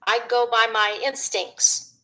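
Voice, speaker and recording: A middle-aged woman, a former radio DJ, talking as a guest in a rambling, animated way, acting out what people said to her. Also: a little high, slow pace, poor audio. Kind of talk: reflective conversational chat.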